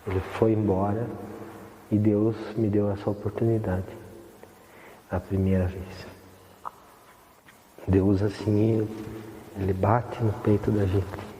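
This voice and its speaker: A man's voice: on the low side, flat delivery, slow pace, long pauses, warm tone, slight background noise. A man giving a rambling, heartfelt personal testimony for a documentary. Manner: rambling heartfelt storytelling with many fillers. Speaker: documentary interviewee. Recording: roomy echoey hall with faint ambience.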